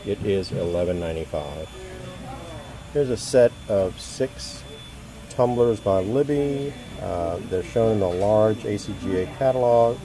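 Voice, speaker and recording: Filmed on a handheld phone at a show booth, this fairly low-pitched American man gives a walking sales tour of his antiques. He states each piece and its price slowly and plainly, with frequent ums and pauses, while the show floor clatters in the background.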